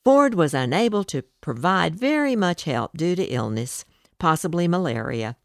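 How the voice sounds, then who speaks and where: A woman narrating a scripted history piece in a measured, deliberate reading. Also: fairly low pitch, big pitch swings, creaky, no room sound, clean studio sound.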